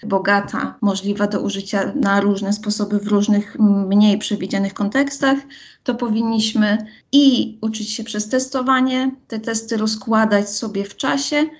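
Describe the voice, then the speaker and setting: A woman's voice: medium pitch, fairly even intonation, a little slow. A woman speaking as an expert psychologist, explaining in long, structured sentences. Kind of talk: explanatory interview answer.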